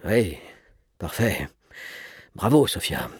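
A shy writer in his forties speaks softly and hesitantly, in a low, quiet voice, as a man voices him. It is a dry, close storybook reading. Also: big pitch swings, slow, slightly rough, no echo, full character voice. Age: 40s. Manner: soft, hesitant, mumbling.

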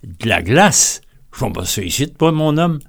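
A man voicing a condescending Québécois shopkeeper who talks loud, curt and slangy, with a Québécois accent. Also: medium pitch, very animated, unhurried, gravelly, pitched above the performer's own voice, heavily acted.

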